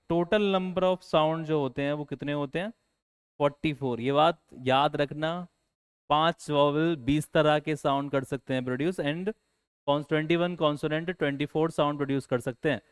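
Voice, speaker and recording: A male teacher gives an exam-prep lecture in a smooth, resonant voice that sits a little high. He keeps putting questions to his students and then answers them himself. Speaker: English teacher.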